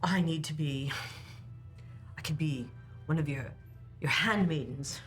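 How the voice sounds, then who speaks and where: A woman's voice: sits low, measured pace, a bit bright, soft background music. A woman talking casually as a player in a tabletop role-playing game.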